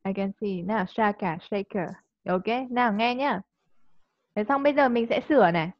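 A woman teaching English in a live online class. She coaxes the student and checks understanding with quick tag questions. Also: medium pitch, dry recording. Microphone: video call. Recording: dull lo-fi call audio.

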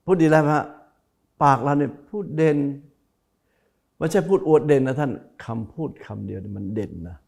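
A man's voice: medium pitch, expressive, normal speed, creaky, darkish tone. A man who is a Buddhist monk, giving a televised dharma talk, stressing and repeating key phrases and speaking straight to the viewers. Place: broadcast studio.

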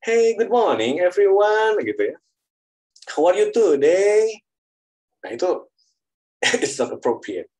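A man's voice: medium pitch, low-quality recording. A man, lecturing university students online, explaining with frequent fillers and switches into English.

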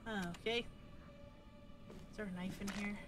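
A gaming streamer with a medium-pitched, steady voice plays a horror game at a moderate pace, with background noise audible. Jittery, she talks to the screen, yelps, and repeats words in panic.

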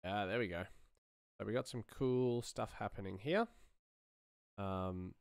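A man in his thirties works on sound design and thinks out loud in a relaxed screen-share. The clean, echo-free studio recording carries his lowish, creaky yet smooth voice at a slightly slow pace.

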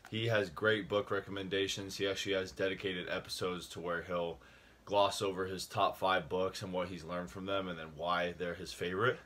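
This young book vlogger has a low, fairly bright voice with a flat delivery at a moderate pace. Slightly out of breath, he talks casually in his video about a book he read, wandering off with fillers and restarts.

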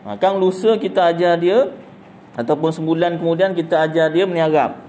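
A man's voice: fairly high pitch, steady tone, brisk, dark tone, a little hiss or hum. A middle-aged man with a Malaysian Malay accent giving a casual religious talk, chatty and jokey, asking and answering his own questions. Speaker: religious teacher.

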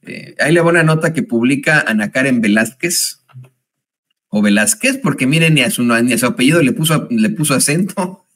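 A man's voice: medium pitch, expressive, a little fast, fairly bright tone. A man with a Mexican accent hosting a commentary show, reading news aloud with sarcastic, chatty asides and frequent hesitations. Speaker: host.

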